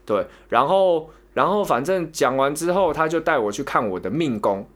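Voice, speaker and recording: Speaking at normal speed in a fairly high voice, a young Taiwanese Mandarin-accented man spins a long tale as a podcast co-host. He rambles, says words over again, and turns animated when recounting events.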